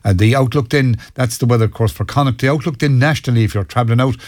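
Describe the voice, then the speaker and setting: A man's voice: mid-range voice, fast, a little mellow, no room sound, studio quality. An Irish man presenting on radio, reading weather and programme links with a somewhat hesitant delivery. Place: radio studio.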